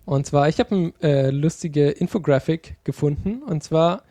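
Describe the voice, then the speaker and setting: Ein Mann als Co-Host eines Podcasts, der trocken und leicht sarkastisch erklärt. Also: male voice, fairly high pitch, lively intonation, moderate pace, warm tone, dry recording, studio quality. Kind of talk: casual chat.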